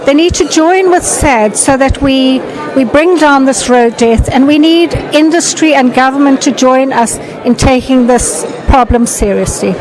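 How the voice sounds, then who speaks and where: A woman's voice: high voice, measured pace, few pauses, low-quality recording. Earnest woman, crowd behind. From South Africa. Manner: earnest and emphatic. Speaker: road safety campaigner. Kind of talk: interview statement.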